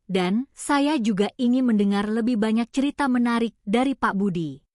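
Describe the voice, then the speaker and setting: Woman voicing a warm young nurse. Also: fairly high pitch, normal speed, dry recording, clean studio sound, close to an everyday voice. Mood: shyly firm. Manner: warm, gentle, reassuring. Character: cheerful young Javanese female nurse, early twenties.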